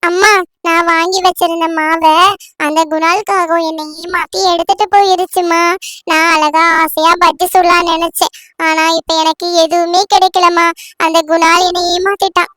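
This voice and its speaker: A woman doing a very high, sweet young sparrow girl. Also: little pitch movement, fairly bright tone, soft background music. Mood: tearful. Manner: high, slow childlike speech. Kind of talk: cartoon voice acting.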